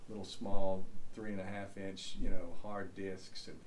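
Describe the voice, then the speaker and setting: A man's voice: low-pitched, little pitch movement, measured pace. An older man, a podcast guest, talking in an easygoing, reminiscing way. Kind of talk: casual chat. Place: podcast studio. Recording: distant mic, noisy background.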